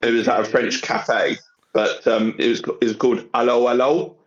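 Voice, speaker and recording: A man's voice: medium pitch, fairly even intonation, normal speed, dull audio. A man from England guesting on a podcast, teasing the hosts with dry humor. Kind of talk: casual group podcast banter.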